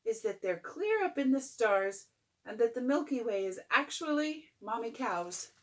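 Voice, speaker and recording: An older woman, a grandmother, reading a bedtime story aloud in an expressive, playful way, as if to a child. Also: a little high, unhurried. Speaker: grandmother reading a picture book. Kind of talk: bedtime story read-aloud with chatty asides.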